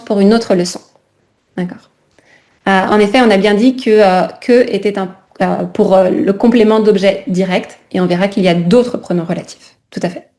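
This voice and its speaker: A woman teaching a French class over a video call, pausing often to check that students follow. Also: medium pitch, a little mellow. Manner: keeps checking in with "d'accord?".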